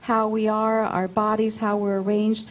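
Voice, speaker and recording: A woman who works as a spiritual channeler is interviewed and explains things conversationally, often repeating her phrases. She speaks at a measured pace, with a medium-pitched voice and a level tone.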